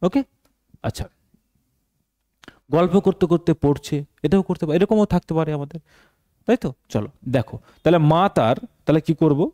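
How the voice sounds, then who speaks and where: A man's voice: on the high side, lively intonation, moderate pace, pauses often, dark tone. A male teacher, explaining a translation lesson step by step and posing questions to the class that he answers himself. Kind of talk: translation lesson for exam students.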